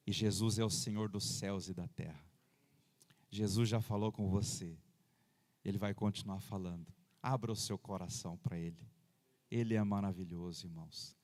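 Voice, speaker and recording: Pastor preaching in a reverberant church. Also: male voice, lowish voice, darkish tone. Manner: conversational preaching, frequent amens and hallelujahs. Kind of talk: sermon. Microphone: handheld microphone.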